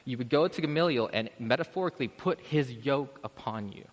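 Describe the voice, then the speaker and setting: A man preaches casually from the podium mic of a church sanctuary, his medium-pitched voice moving quickly with lively intonation. He keeps restarting sentences and climbs to emphatic peaks, and a long church reverb trails every line.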